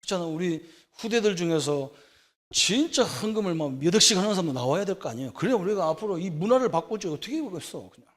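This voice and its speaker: A man's voice: high voice, animated, fast. A middle-aged man preaching a sermon as pastor, in a conversational way, with rhetorical questions and frequent checks for agreement. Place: church sanctuary.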